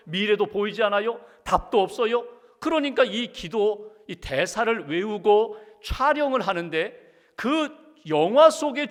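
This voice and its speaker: A middle-aged man preaches to his congregation, his high voice carried by long church reverb. He speaks with earnest conviction and slips into pleading prayer. It sounds like a large sanctuary. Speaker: pastor. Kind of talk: sermon.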